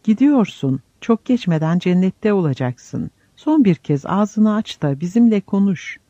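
A man voices a devoted friar kneeling in grief, urgent and imploring, his pitch raised above the narration. The tone is mellow, and the recording is dry and a little dull. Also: expressive, a little slow, no room sound. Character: grieving devoted male friar.

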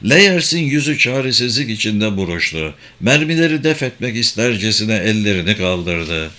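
A man narrating a dramatic audiobook in a steady reading voice. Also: fairly low pitch, moderate pace.

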